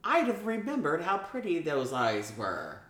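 A man's voice: a little high, unhurried, reverberant. A man in his thirties, podcast co-host, telling bawdy stories with lots of laughter. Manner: bawdy, laughing, animated storytelling. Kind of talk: crude comedic banter.

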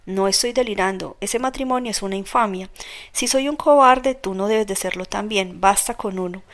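A woman's voice: medium pitch, normal speed, close to an everyday voice. A woman reading the lines of a feverish, irritable young male student in curt, insistent speech.

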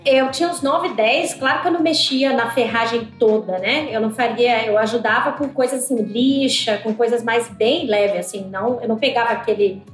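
A woman from Mato Grosso in Brazil telling stories in a relaxed, hesitant way during a party game. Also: on the high side, normal speed, hardly any pauses, faint music behind. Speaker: storyteller in a truth-or-lie game. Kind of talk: casual chat. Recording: echoey room.

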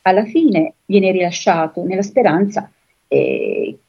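A woman retelling a fantasy story in an unhurried way, pausing often with filler sounds and reading passages aloud from the book. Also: lowish voice, huge pitch swings, warm tone, slightly rough. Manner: unhurried, pauses often with filler sounds while she explains. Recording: dull lo-fi recording with faint music.

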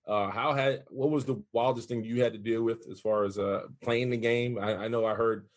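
A man's voice: medium pitch, fairly even intonation, moderate pace. A man interviewing an athlete, asking loose, conversational questions with fillers.

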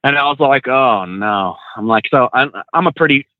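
A man's voice: mid-range voice, fast, dry recording. Casual male trucker-trainer guest, loose and slangy with lots of restarts, heard over a thin phone-like line with no room sound. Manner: laid-back, slangy, many fillers and restarts. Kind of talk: casual storytelling.

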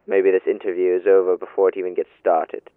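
A man's voice: low voice, little pitch movement, fairly quick, no echo, narrow, tinny audio, close to an everyday voice. An actor playing an evasive male landlord under interrogation, stammering and indignant as he protests in an amateur audio drama.

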